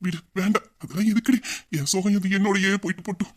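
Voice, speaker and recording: A playful young husband , as a man acts him out in an audio drama, teasing his wife in a fairly high voice. He plays up a mock-sad, smug manner. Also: fairly even intonation, fast, noisy background, natural voice. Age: young adult.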